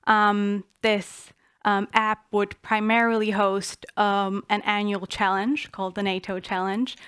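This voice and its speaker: A young woman from the Czech Republic presents her proposal on a panel, earnest and full of small restarts. Her voice is smooth and clear, with a fairly flat melody. The sound is close and dry. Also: medium pitch, no room sound. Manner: earnest, many fillers and restarts. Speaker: student panelist.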